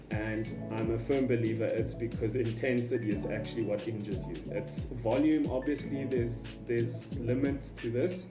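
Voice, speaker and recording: A man giving an informal vlog explanation in an opinionated, emphatic way. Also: mid-range voice. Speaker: running vlogger. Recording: roomy echo, faint music behind.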